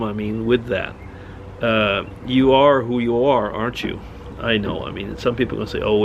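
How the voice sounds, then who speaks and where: A man's voice: mid-range voice, gravelly, a little hiss or hum. A middle-aged man from Switzerland rambling in a casual monologue, restarting often as he thinks aloud. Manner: rambling, musing, many restarts. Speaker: vlogger.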